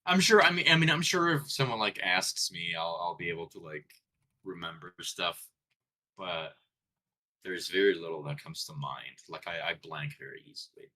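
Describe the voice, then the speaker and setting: A low-voiced Colombian man with a light accent talks at normal speed on a late-night stream. Tired and chewing gum, he chats casually and rambles in a relaxed way, interrupting himself.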